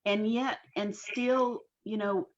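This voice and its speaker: A woman in her sixties, a guest on an online interview, talking in an earnest, measured and folksy way. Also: mid-range voice, fairly even intonation, highs cut off. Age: 60s. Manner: folksy, homespun phrasing. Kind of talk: casual interview talk. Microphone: video call.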